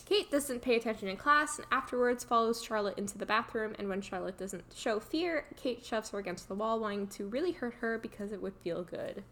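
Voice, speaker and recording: A woman's voice: fairly high pitch, brisk, few pauses, a bit bright. Giggly woman summarizing a book. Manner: giggly, self-mocking, summarizing chapters. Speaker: podcast co-host. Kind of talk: casual book podcast recap.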